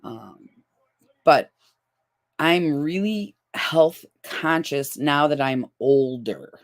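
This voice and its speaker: Chatty woman in her fifties, low voice. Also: animated, very slow. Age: 50s. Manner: chatty, reads viewer comments aloud with laughs. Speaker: livestream host. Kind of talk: casual livestream chat.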